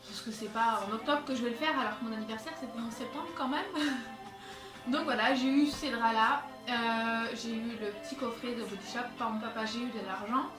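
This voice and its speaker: Young woman rambling on her phone cam, kinda high voice, a bit out of breath, music going behind. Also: fairly even intonation, moderate pace, far from the mic. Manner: chatty, rambling with many fillers and restarts. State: slightly out of breath. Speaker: beauty vlogger. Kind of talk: casual chat to camera. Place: bedroom with skylight, indoors. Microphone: phone camera, no tripod. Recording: echoey room, phone held away, music behind.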